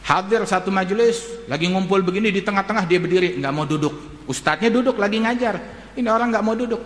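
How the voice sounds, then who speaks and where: A male preacher, telling stories in an animated sermon and acting out the characters. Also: sits high, fast talker. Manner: animated, acts out quoted characters. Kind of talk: sermon storytelling. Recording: echoey hall reverb.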